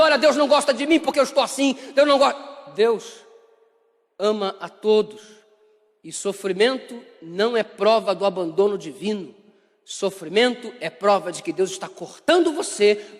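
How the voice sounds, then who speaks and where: A young man preaching a sermon as a pastor, emphatic and dramatic, rising into shouts. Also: very high-pitched. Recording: long hall reverb.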